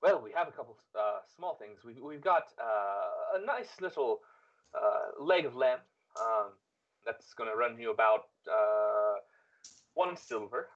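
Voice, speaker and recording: A man voicing a flustered male tavern keeper in a tabletop game, talking haltingly with many hesitations, on a dull lo-fi recording. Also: mid-range voice, expressive, close to an everyday voice. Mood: apologetic.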